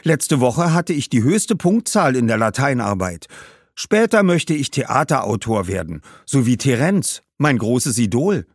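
A man's voice: mid-range voice, sing-song, measured pace, no echo, clean studio sound, voice pushed up. A man voicing an earnest, bookish young schoolboy who talks eagerly and insistently in a storybook.

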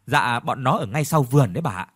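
Meek head maid in a story, voiced by a guy, polite and eager, lively pitch. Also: quick pace, husky. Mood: deferential. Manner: polite, deferential. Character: deferential middle-aged woman servant, head maid.

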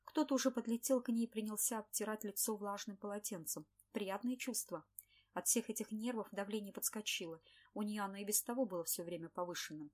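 A woman narrating an audiobook in a steady, lightly ironic storytelling manner. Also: medium pitch, a little fast.

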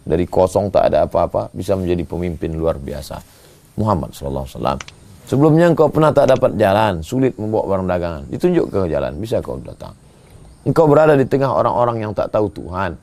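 A man preaching a sermon, moving between slow drawn-out chanting of verses and quick, emphatic scolding. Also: low voice, big pitch swings, darkish tone. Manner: gravelly voice. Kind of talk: sermon with Quran recitation.

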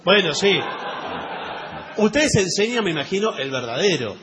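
A man's voice: high voice, very animated, normal speed, a crowd in the background. A man playing along in improvised comic dialogue on the radio. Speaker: comedy sketch partner. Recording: clear background noise.

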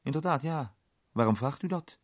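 A man's voice: medium pitch, lively intonation, normal speed, no room sound, pitched above the performer's own voice, natural voice. A man voicing a plain-spoken, curt police inspector in a read-aloud crime story.

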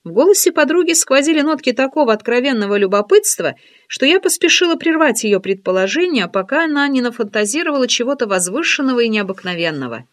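A woman narrating a novel in the first person, calm and wry. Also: a little high, quick pace, hardly any pauses. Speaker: audiobook reader.

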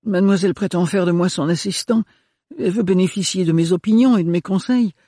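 A big, gruff male servant, rough in tone and ill at ease, as a male audiobook reader puts him on. The voice is husky, and the recording is dry and close. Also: sits high, fast, mellow, no room sound, pitched above the performer's own voice. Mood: embarrassed. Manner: rough, embarrassed. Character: burly red-haired male servant, gruff and awkward.

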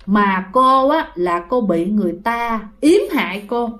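A woman voicing a gentle old village healer man. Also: medium pitch, expressive, unhurried. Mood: grave. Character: older male village herbal healer, kindly.

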